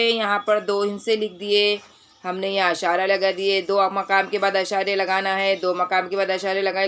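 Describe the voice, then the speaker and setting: A woman teacher giving a maths lesson to children, explaining step by step, asking questions and repeating each number slowly. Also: mid-range voice, fairly bright tone. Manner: patient, step-by-step explaining with frequent questions to pupils.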